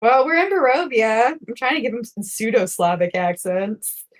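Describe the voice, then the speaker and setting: A woman's voice: on the high side, lively intonation, normal speed. A woman running a tabletop game as game master, easygoing and chatty.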